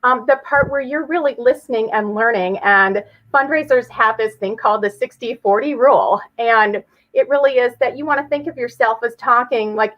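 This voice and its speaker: A woman speaking as an interview guest, explaining things conversationally and chattily with everyday examples. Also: fairly high pitch. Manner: chatty, illustrates with hypothetical examples. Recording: slightly dull, lo-fi audio.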